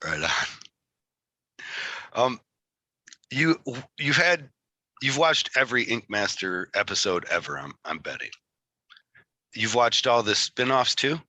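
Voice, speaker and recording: A man's voice: medium pitch, big pitch swings, measured pace, pauses often, pushed and bright, no room sound. A man with a Michigan Great Lakes accent hosting a casual interview in a rambling, self-deprecating way. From Michigan, United States. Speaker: interview host.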